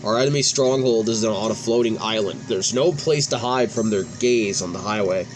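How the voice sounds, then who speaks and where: With music behind him and a noisy background, a man whose voice is on the low side narrates cutscene dialogue at a moderate pace while hosting a let's play. Now and then he stumbles and restarts a word.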